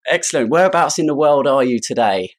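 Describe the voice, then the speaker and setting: A man presents an interview podcast. His voice is of average pitch, and he moves between prepared introductions and questions to his guest. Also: animated, fast. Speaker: podcast host. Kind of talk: scripted introduction and interview hosting.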